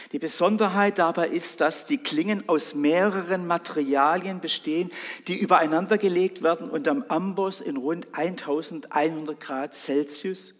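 A man preaching a sermon, dramatic and emphatic, slowing down to stress his words. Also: fairly high pitch, in a large hall. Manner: dramatic, slow and emphatic with swells of loudness.

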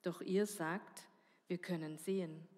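A woman reading a Bible passage aloud in church, measured and giving each speaker's lines some voice. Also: on the low side, fairly even intonation, a little mellow. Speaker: scripture reader. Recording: church hall reverb.

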